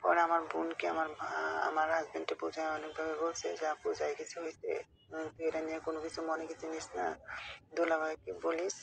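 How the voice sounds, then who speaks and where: A woman with a Bangladeshi accent and a low, gravelly, monotone voice talks briskly on a phone call, confiding a personal story to a friend. She rambles and keeps checking that her friend is following. The call recording has faint noise and soft background music.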